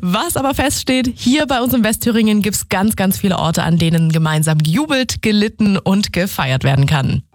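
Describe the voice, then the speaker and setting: Upbeat woman radio presenter, lively pitch. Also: moderate pace, no room sound. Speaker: radio news host. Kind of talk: scripted regional radio presenting. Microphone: studio microphone.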